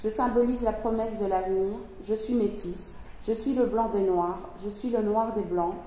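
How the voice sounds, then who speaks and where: A woman from Belgium speaks in a warm, mellow tone, thoughtful and hesitant as she hosts a discussion. Her voice rings heavily around a large room with a long reverb. A faint background noise is present. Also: mid-range voice, fairly even intonation, moderate pace. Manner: thoughtful, hesitant, many fillers and restarts. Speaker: moderator and reader. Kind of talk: reading aloud, then hosting a discussion. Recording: very echoey hall, faint noise.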